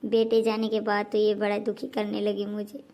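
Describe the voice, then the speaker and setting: A woman's voice: mid-range voice, monotone, normal speed, warm tone, pitched below the performer's own voice, lightly acted. A woman playing a scolding, grumbling old mother-in-law in a homemade family skit. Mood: complaining. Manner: nagging, complaining.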